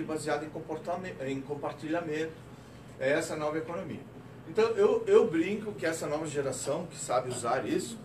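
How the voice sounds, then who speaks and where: A middle-aged man giving a lively company talk, telling stories and tossing in tag questions, recorded from a distance in a large room. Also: a little high, background noise. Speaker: lecturer. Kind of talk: corporate safety-week talk. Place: company auditorium. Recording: roomy, distant lecture recording.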